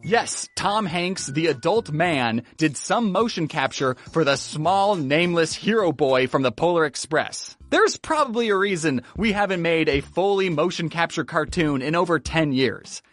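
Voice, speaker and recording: A man's voice: fairly high pitch, fairly bright tone. A man narrating a scripted comedic video essay as host, over-enunciating his words with sarcastic, dry jokes.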